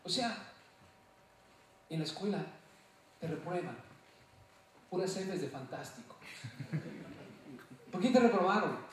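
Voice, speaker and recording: A pastor preaching a sermon in a church, asking the congregation questions and answering them himself. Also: male voice, sits high, expressive, slow, long pauses, recorded from a distance, slight background noise. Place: church sanctuary. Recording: very echoey hall, voice from off-mic.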